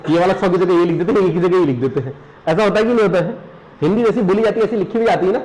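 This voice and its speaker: Rapid-fire and high-pitched with a darkish tone, a Pahari-accented teacher from the Uttarakhand hills leads a live revision class for exams on a rough recording. He drills points repeatedly, quizzes students, calls them "beta," and laughs and jokes as he goes.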